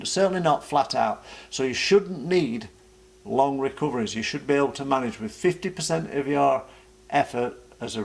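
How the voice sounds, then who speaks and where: A British man giving an informal vlog explanation as a running coach, speaking haltingly and often repeating words. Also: mid-range voice, gravelly.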